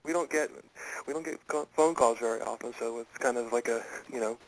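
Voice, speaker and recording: A man hosting a casual radio interview, talking in halting, stammering restarts. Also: medium pitch, low-quality recording. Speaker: radio show host.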